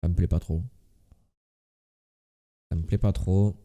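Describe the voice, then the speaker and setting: A man's voice: deep voice, steady tone, measured pace, warm tone. A man with a slight lisp on his s sounds, doing casual live game commentary as a streamer and muttering repeated word guesses to himself.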